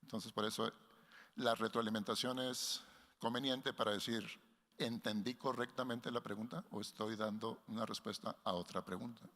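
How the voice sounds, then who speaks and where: A man giving a workshop lecture to researchers in a measured way, often restarting phrases and linking ideas with "entonces". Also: lowish voice, steady tone, bright, forceful tone. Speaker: workshop instructor. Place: conference hall. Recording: long hall reverb.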